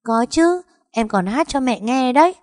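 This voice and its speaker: A woman voicing a cheerful, innocent little boy in a storybook reading, with a high childlike voice. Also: lively intonation, measured pace, a little mellow, dry recording, studio quality. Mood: eager.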